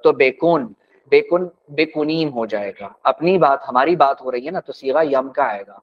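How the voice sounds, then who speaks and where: A man teaching a class as a language teacher, patiently repeating words slowly for his students. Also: medium pitch. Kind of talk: classroom lesson. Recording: dull lo-fi recording.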